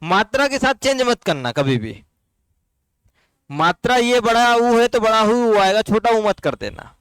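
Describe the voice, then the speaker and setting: A man teaching a Hindi grammar class, slowly drawing out and repeating words for his students, with a Rajasthani Hindi accent. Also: sits high, expressive, fairly bright tone, smooth, no room sound.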